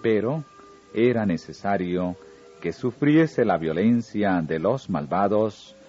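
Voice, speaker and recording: A man reading a religious story aloud in a slow, solemn narrating manner. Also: fairly low pitch, expressive, a little mellow. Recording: dull lo-fi recording with faint music.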